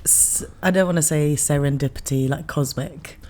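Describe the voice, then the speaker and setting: A woman's voice: sits low, normal speed, mellow. A woman co-hosting a podcast, chatting casually with a dry, teasing manner. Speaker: podcast co-host. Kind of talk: casual chat.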